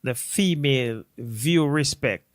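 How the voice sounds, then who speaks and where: A man talks slowly and thoughtfully in a casual live-stream chat, often pausing on fillers and restarting his sentences. The recording is dry and close. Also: medium pitch, no room sound. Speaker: co-host.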